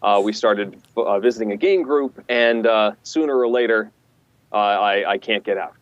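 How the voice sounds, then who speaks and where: A man with a smooth, velvety voice and a dry, joking manner, chatting casually as an interview guest. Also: lowish voice, normal speed, no echo, muffled recording. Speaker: guest voice actor.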